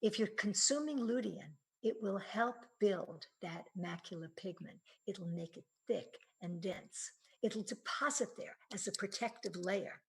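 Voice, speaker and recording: Woman presenter, mid pitch, earnest and explanatory, trips over words and restarts. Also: measured pace, low-quality recording. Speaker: health presenter. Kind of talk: presentation on eye supplements.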